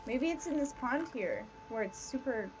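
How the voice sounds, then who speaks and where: A woman with a high voice guiding her friends through a survival game, calling out where to go. Clear steady noise hums behind her mic. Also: normal speed. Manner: directs the group, calls out routes and laughs. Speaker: streamer playing with friends. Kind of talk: casual co-op gaming chat.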